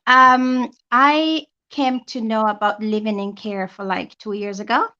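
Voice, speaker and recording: A woman's voice: on the high side, fairly even intonation, measured pace, bright, forceful tone. Brief: woman from Tanzania, guest, chatty and plain-spoken, slightly muffled remote line. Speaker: guest, healthcare assistant. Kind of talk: casual interview.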